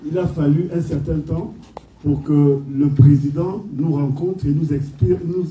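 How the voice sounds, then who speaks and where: A man from Gabon, a political activist, giving a hesitant, earnest speech full of fillers to a community gathering. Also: a little high. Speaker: political activist addressing the diaspora. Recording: echoey room, from far off, faint background noise.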